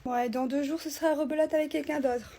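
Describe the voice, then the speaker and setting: Young woman, comedy skits, sassy and slangy, fast delivery, slightly high voice. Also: steady tone, warm tone. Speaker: comedy sketch creator. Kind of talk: acted comedy skits playing teen girls.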